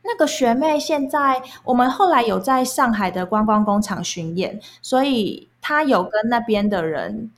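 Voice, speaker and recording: A woman's voice: mid-range voice, expressive, moderate pace, few pauses, slight background noise. A young woman with a Taiwanese accent, talking casually and candidly as she explains her own experiences. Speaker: guest recounting past jobs. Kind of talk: casual conversational storytelling.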